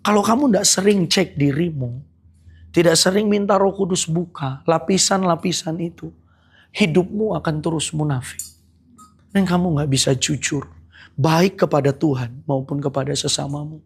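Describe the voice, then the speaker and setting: A woman evangelist preaching a Sunday worship sermon, urging the listener and repeating calls to repent, moving between hushed whispers and forceful rises. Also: low voice, normal speed, slightly rough.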